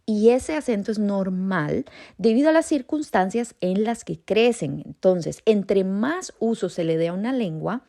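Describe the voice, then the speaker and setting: Woman podcast host, slow and unhurried, gravelly fry, calm explanatory talk aimed at parents. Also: mid-range voice.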